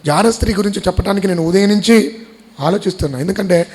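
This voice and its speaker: A man's voice: high-pitched, fast, a little mellow, husky, big-room sound. A man preaching a Sunday sermon in church, firing rhetorical questions at the congregation and repeating his phrases. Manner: quizzes the congregation. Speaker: pastor.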